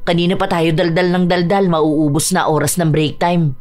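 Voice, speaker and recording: A woman voicing a calm, motherly female coworker who settles quarrels firmly and kindly. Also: lowish voice, moderate pace, natural voice. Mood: easygoing. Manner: firm, soothing peacemaker.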